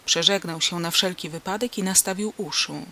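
An audiobook narrator with a bright, clear tone, reading a novel in scripted narration. The pace is steady and the delivery is even throughout. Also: mid-range voice, normal speed, a little hiss or hum.

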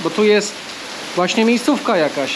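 A man's voice: high-pitched, lively intonation, normal speed, noisy background. Chatty man vlogging outdoors. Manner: chatty, coaxing talk to a bird. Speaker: travel vlogger. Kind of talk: casual travel vlog. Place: outdoors on a bike trail.

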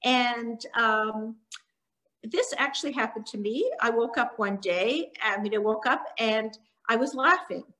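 A middle-aged woman from Montreal, a children's author, giving a talk from her living room over a laptop webcam, with frequent ums and pauses. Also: on the high side, pushed and bright, rough recording. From Canada (Montreal), born in Hungary. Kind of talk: presentation on a video call. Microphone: laptop webcam on a video call.

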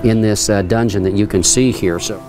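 Over music, a middle-aged man leads a tour as a Bible teacher, reading scripture and explaining it earnestly at normal speed in a fairly low, steady voice, often using fillers and restarting. He starts on an outdoor stone terrace before going into an underground rock dungeon.

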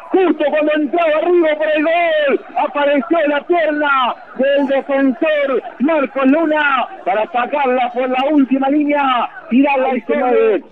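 An Argentine man giving live football play-by-play as a breakneck, excitable goal commentator. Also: very high-pitched. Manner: breakneck, excitable goal commentary with repeated names and drawn-out goal cries. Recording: narrow, tinny radio-like broadcast sound.

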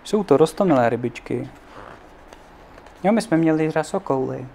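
A man reading a children's book aloud in an unhurried way, now and then adding offhand asides of his own. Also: on the high side, lively intonation, creaky, mellow, slight background noise. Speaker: narrator.

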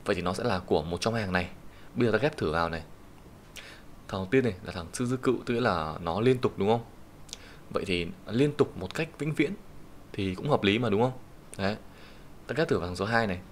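Low-voiced Vietnamese man teaching kanji. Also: lively intonation. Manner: patient, explanatory, reads Japanese sentences slowly. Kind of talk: online lesson explaining kanji readings. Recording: faint background hiss and keyboard typing.

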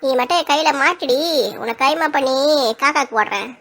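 Shrill, rapid-fire old grandmother with a scolding, threatening manner, played by a woman. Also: fairly bright tone. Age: older. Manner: scolding, threatening, then tearful. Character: feisty quarrelsome old grandmother. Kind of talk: comic village skit acting.

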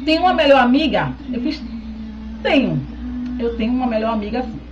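With music playing in the background, a beauty vlogger in her thirties chats casually to a webcam held close in a small room at home, answering questions and keeping in touch with viewers. Her pitch is fairly high, her delivery very animated and a little fast, and she keeps checking in with "tá?". The audio sounds muffled.

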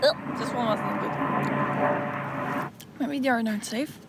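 Slow-talking woman outdoors, noisy. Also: on the high side. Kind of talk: casual chat on camera. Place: outdoor shipyard. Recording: noisy outdoor camera audio, from off-mic.

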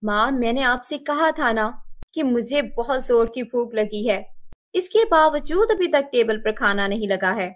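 A spoiled, demanding girl from a cartoon story, as a woman narrator puts her on. She whines and makes demands in a high, bright voice. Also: expressive, measured pace. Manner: whiny, demanding. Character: spoiled, demanding teenage daughter.

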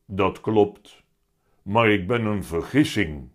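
A man's voice: expressive, slow. A man voicing a heavy-voiced talking tomcat. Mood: solemn. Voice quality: heavy, deep voice. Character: big talking red tomcat, calm, stubborn. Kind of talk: reading a children's book aloud.

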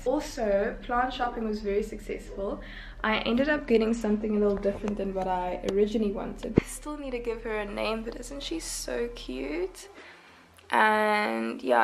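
A woman's voice: mid-range voice, creaky, echoey room, rough recording. A young woman vlogging casually in a gushing, chatty way, with a groggy morning voice. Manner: chatty, gushing, says "like" and "guys" a lot. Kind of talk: casual vlog chat.

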